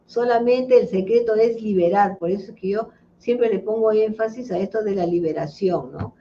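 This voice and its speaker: A woman's voice: mid-range voice, normal speed. Middle-aged lady psychologist telling a case story, lots of ums and restarts, faint hiss behind. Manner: storytelling, with many fillers and restarts. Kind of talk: explanatory interview answers. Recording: dull lo-fi livestream sound.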